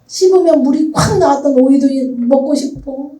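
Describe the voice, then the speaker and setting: Lady preacher doing a grumbling hungry wanderer, whiny, mellow, echoey. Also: high voice, moderate pace, recorded from a distance, voice pushed up, lightly acted. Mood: whining. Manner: whining, grumbling. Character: grumbling hungry Israelite man complaining in desert.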